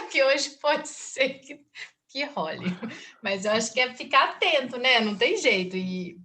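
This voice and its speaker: A woman's voice: on the high side, a bit bright. A woman hosting a casual book group talk, chatty and acting out her own inner voice. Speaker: book circle host and teacher.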